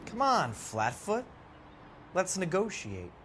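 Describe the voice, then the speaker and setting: An actor playing a defiant, hot-tempered 1940s street man in a crime game, loud and excitable. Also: sits high, slow, slight background noise, exaggerated voice. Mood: agitated, defiant. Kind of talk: period crime game voice acting.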